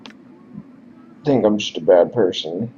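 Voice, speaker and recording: Speaking slowly in a low, warm voice, a man narrates a game he's playing as a let's play narrator. He reads its text with sarcastic, offhand asides in casual commentary. The lo-fi recording is dull and carries a faint hiss.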